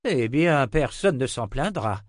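A man voicing a grumpy but tender old male wizard, with a grumbling, gruff delivery. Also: mid-range voice, very animated, measured pace, dry recording, clean studio sound, voice pushed up.

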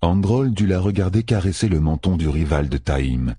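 A man narrating an audiobook in an expressive storytelling manner. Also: sits low, moderate pace, breathy edge, dry recording, clean studio sound. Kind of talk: scripted narration.

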